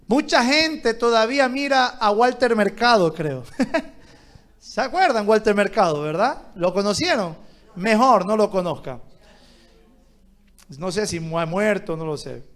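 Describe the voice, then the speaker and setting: Man, pastor, sermon, very high voice, slow deliberate pace, shouts then quiet asides. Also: expressive. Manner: swings from loud shouted exhortation to quiet low asides; calls on the congregation to answer aloud.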